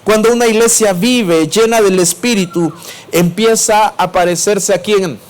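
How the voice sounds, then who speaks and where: A man's voice: high voice, a little slow. A male preacher with a Mexico City Spanish accent, giving a sermon and asking the congregation questions before answering them himself. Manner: swings between raised and dropped voice.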